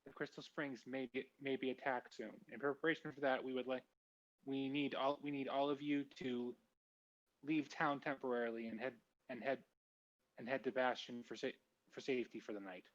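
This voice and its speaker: A man voicing a male soldier urging townsfolk to evacuate, in halting, stumbling speech. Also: mid-range voice, flat delivery, dry recording, lightly acted. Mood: earnest. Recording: slightly dull lo-fi mic.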